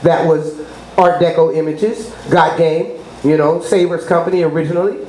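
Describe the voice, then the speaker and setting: A mellow, low voice with fairly even intonation and normal speed comes from a middle-aged New Orleans business consultant giving promotional interview talk. Her salesy rambling is full of name-drops and asides about God, recorded in an echoey room with faint noise.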